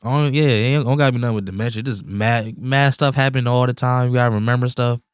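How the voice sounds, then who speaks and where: A man's voice: mid-range voice, fairly even intonation, quick pace, clear, resonant tone, dry recording, studio quality. A man co-hosting a podcast in casual chat, laid-back and joking, with slangy asides. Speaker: podcast co-host.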